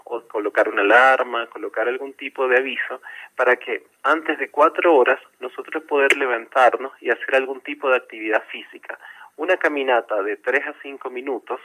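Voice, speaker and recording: A man, a doctor, patiently explaining things on a radio interview and repeating points to make them clear. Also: mid-range voice, bright, forceful tone, poor audio. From not from Chile. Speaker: medical doctor guest.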